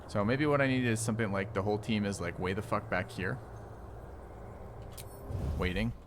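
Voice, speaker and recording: A man's voice: on the low side, normal speed, noisy background. A man streaming a strategy game, thinking aloud in casual commentary, puzzled and now and then swearing at the game's rules.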